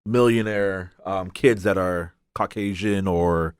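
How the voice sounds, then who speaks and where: A man hosting a casual podcast chat who poses questions and often agrees with "right, right". His voice sits a little low, and he restarts his sentences with fillers. The sound is dry and close to the mic. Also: fairly even intonation, slow pace, smooth, no echo. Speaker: podcast host leading the discussion. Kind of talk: casual group discussion.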